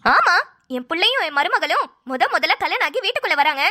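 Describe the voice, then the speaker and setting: A no-nonsense cartoon mother gives orders with fond firmness, as a woman puts her on. Her voice is high and bright, and she talks briskly. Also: very animated, no room sound, studio quality, exaggerated voice. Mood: commanding. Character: bossy, caring middle-aged mother-in-law. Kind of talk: cartoon voice acting.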